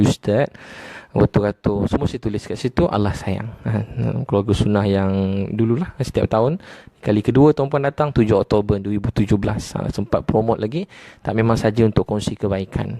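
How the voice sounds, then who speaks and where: Low, mellow Malaysian preacher man. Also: no room sound. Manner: repetitive, gently emphatic, drops to soft lows. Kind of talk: religious lecture to a crowd.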